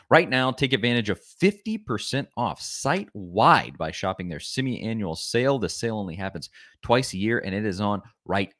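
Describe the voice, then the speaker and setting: A young man hosting a podcast, reading a sponsor ad in an upbeat, smooth delivery from a small home room. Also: lowish voice, fairly bright tone, no echo, clean studio sound. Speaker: podcast host. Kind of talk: read sponsor ad.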